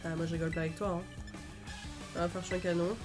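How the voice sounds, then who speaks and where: A woman's voice: fairly low pitch, flat delivery, fast. A woman hosting a let's-play video, chatting and thinking aloud in a casual, upbeat way with lots of fillers. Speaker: gaming video host. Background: game music.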